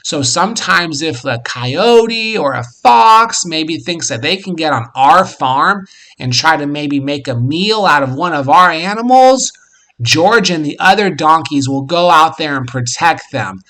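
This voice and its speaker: A man with a very bright, forward voice hosts a children's learning show. He speaks slowly and simply, as if reading to a toddler, with encouraging, animated emphasis on key words. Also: on the high side. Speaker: host of a children's farm show. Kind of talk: educational talk for young children.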